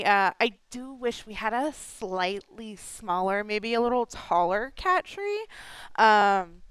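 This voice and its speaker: Narrating a speed build of her game, a congested young woman rambles casually, apologizing often and restarting sentences amid many fillers. She speaks at a medium pitch with a fairly bright, clean tone. The home mic is close and dry, and the recording sounds rough.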